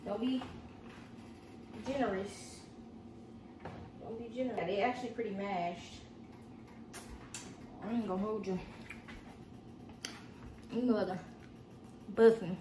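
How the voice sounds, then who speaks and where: A young woman vlogger chats casually with viewers, calling them y'all and chanting as she cooks in her home kitchen, filmed on a phone set on the counter. Her medium-pitched voice is steady and slow, with long pauses, over a noisy background.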